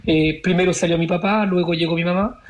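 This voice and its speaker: A man in his forties, born in Chile, answering interview questions as a member of parliament in a measured way, searching for his words. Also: sits high, fairly even intonation, a little hiss or hum. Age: 40s.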